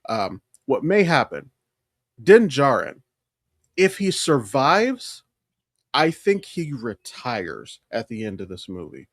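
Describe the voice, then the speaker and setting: A man with a mid-range voice speaks slowly in a dry, clean studio recording. He's a podcast co-host chatting casually about pop culture, animated and emphatic, airing his opinions and swearing freely.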